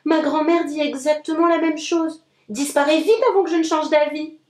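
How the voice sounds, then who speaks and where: A woman voicing a hungry, softhearted young male wolf in a storybook, grumbling at himself. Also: sits high, fairly even intonation, normal speed, roomy sound, crowd noise, voice pushed up, natural voice.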